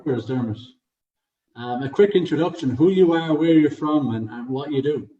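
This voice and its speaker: A man's voice: fairly high pitch, fairly quick, mellow. A man with an Irish accent hosting a casual livestream interview, encouraging and complimentary as a coach. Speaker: host, fitness coach. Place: online video meeting. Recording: muffled, roomy, distant from the mic.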